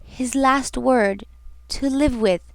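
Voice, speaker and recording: A woman voicing a grieving, devoted young woman who murmurs low and pleads. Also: lively intonation, measured pace, no echo.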